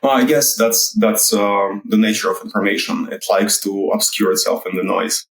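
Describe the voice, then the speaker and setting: Low-voiced male guest from Russia, slow and halting, dry wit, echoey room. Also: fairly bright tone. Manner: slow, hesitant, with many fillers and dry humor. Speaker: guest, writer. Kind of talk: casual interview talk. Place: Toronto.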